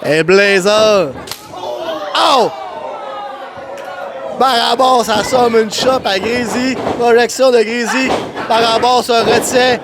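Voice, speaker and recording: A man giving live play-by-play as a wrestling commentator, excited and exclamatory, often shouting. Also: extremely high pitch, unhurried. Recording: noisy crowded venue, loud crowd behind. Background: crowd and event noise.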